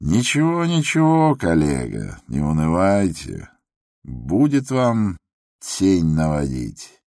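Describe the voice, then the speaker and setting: A man's voice: fairly low pitch, sing-song, unhurried, fairly bright tone, dry recording, clean studio sound, voice pushed up. Man doing a patronizing, bored doctor. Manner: patronizing, consoling. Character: condescending male doctor, bored and soothing.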